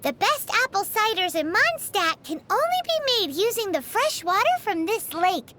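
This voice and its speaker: Paimon, a squeaky cheeky sprite. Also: female voice, very animated, normal speed, sharp tone, a little hiss or hum, full character voice. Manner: bubbly, cheeky, refers to herself by name. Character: tiny cheeky floating girl companion, chatty. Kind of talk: video game dub dialogue. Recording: game audio with music behind.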